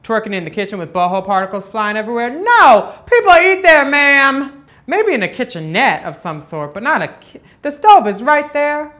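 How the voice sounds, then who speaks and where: Sassy, bright-voiced male drag queen. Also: high-pitched, lively intonation, quick pace. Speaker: host. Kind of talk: sassy comic commentary on online video clips. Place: photo studio with grey backdrop.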